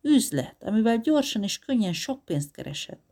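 A man doing a hushed, pushy film hustler. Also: high-pitched, sing-song, voice pushed up, exaggerated voice. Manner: hushed, urgent, wheedling. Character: pushy fast-talking male film agent.

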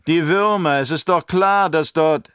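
A man's voice: mid-range voice, a bit bright, smooth, no room sound, studio quality. A man doing a gasping, panicked old baron. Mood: protesting. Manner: gasping, pleading, drawn-out. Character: scheming, terrified fat old male baron.

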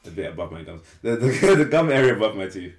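A man's voice: on the low side, very animated, fast talker, echoey room. A young man, chatting casually as a podcast co-host, rambling and correcting himself, laughing easily. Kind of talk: casual chat.

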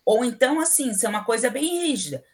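With a rather high voice, lively intonation, and a slightly fast pace, a middle-aged woman from southern Brazil talks as a guest in a casual interview. She is a civil engineering professor with a southern Brazilian Portuguese accent, and she comes across as chatty, opinionated, and full of fillers.

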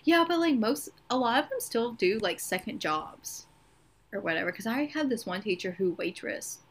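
A woman's voice: a little high, animated, normal speed, slight background noise. A young woman chatting casually and informally as a podcast co-host, often using "like" as a filler. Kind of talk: casual chat.

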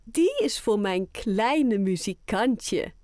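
Woman doing a sweet sing-song granny, storybook voice, slow, dry recording. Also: mid-range voice, lively intonation, darkish tone, dry recording. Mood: fond. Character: warm, playful grandmother who loves singing. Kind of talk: children's audiobook character voice.

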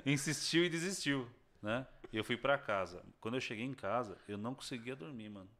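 A man's voice: medium pitch, a little fast. A young man, telling a personal story in casual chat and acting out the people in it. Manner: animated, acts out voices of people in his story, slangy. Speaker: guest telling his conversion story.

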